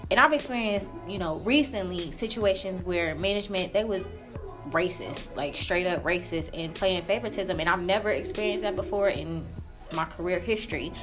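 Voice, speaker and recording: A woman's voice: fairly low pitch, moderate pace, music in the background. A woman co-hosting a podcast in casual chat, talking in a candid, colloquial and emphatic way. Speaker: podcast co-host. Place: room in a library.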